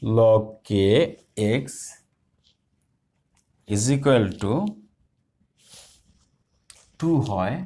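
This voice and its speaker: Male math tutor, low gravelly voice, patient step-by-step explainer. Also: very slow, long pauses, mellow. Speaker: math teacher. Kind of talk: live online math lesson.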